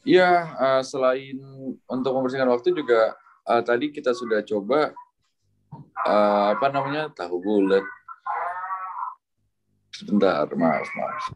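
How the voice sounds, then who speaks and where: A man hosting a casual group video call in a flustered, halting way. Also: mid-range voice. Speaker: host. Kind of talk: casual chat.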